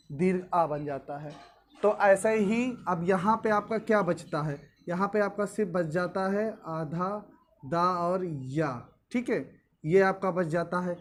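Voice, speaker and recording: A male teacher explaining grammar rules step by step, asking questions aloud and answering them himself. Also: high-pitched. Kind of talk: classroom grammar lesson.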